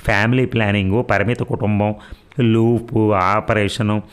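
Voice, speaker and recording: A short-tempered older doctor barks out blunt, crude remarks and scolds as he talks, as a man reading a story puts him on. His voice sits fairly low, loud and impatient, a storybook figure with a rough tongue. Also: steady tone, unhurried, natural voice. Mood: ranting.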